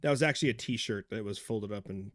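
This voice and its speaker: A man co-hosting a podcast, telling animated, joking stories and slipping into silly voices. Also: lowish voice, fast talker, no echo, clean studio sound. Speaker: podcast co-host. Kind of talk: casual chat.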